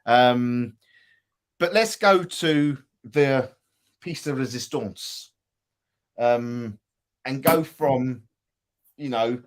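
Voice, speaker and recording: A man's voice: mid-range voice, extremely slow, long pauses. A man with an Essex accent hosting a live podcast, chatting in a rambling way with restarts. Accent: Essex English. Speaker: host.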